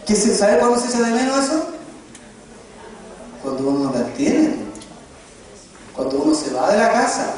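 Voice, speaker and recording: This time the preacher's high-pitched voice comes with slight background noise as he tells stories in a sermon. Animated and joking, he keeps asking his listeners questions. The hall is very echoey and the mic is distant.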